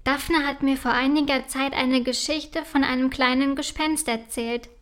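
A woman voicing a curious, kind little princess girl in a storybook, speaking gently and slowly. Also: high voice, steady tone. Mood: dreamy.

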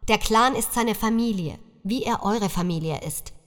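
A woman's voice: mid-range voice, normal speed, big-room sound, natural voice. A woman voicing a stern male clan judge who speaks in solemn, formal pronouncements, with music underneath.

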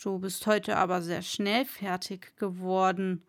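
A woman voicing a harsh, domineering male castle lord in a read-aloud story, speaking slowly. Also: mid-range voice, little pitch movement, voice pushed down, natural voice. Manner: domineering, scolding.

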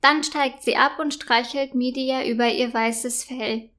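A woman gently narrating a children's story. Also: sits high, fairly even intonation, unhurried.

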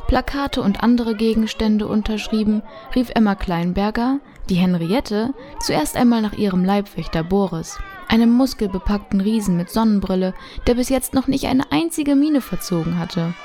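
A woman narrating a children's radio play in a lively, chatty way that speaks to the listener. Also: on the high side.

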